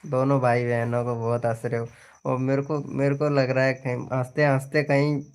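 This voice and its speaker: Chatty, smooth-voiced young man on a live stream. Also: mid-range voice, little pitch movement, normal speed, darkish tone. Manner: chatty, teasing, talks straight to viewers. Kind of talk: casual live-stream chat.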